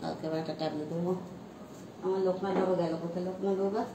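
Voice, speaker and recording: A woman's voice: fairly low pitch, steady tone, very fast, distant mic. Woman calling to her dogs, off-mic. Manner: coaxing, scolding, calling to dogs. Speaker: vlogger caring for stray dogs. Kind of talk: casual chat with pets. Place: outdoors with dogs. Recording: roomy, off-mic phone audio with loud background noise.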